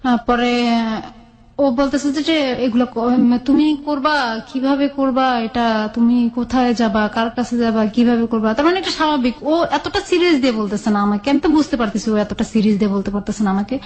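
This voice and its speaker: Her voice on the high side with a darkish tone, a woman with a Bangladeshi accent shares her personal history in an interview at normal speed. It's colloquial and candid, with conversations often retold as dialogue.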